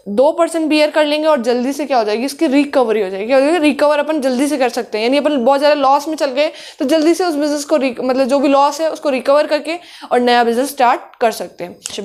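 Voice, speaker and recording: A woman a high voice works through a commerce lesson. She mixes in as she explains, and she keeps posing questions that she answers herself. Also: a little mellow. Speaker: commerce teacher. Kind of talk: classroom lecture.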